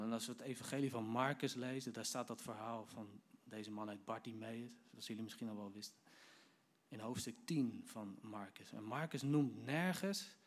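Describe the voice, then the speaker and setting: Man, sermon, vivid storytelling, addresses listeners, mid-pitched voice. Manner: lively storytelling, acts out quoted lines; addresses the audience directly. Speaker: preacher. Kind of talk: sermon retelling a Bible story.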